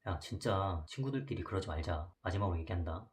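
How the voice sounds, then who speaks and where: A man voicing a calm teenage schoolboy who talks his friends down in a firm, coaxing way while retelling a film. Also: low voice, fast, pitched below the performer's own voice.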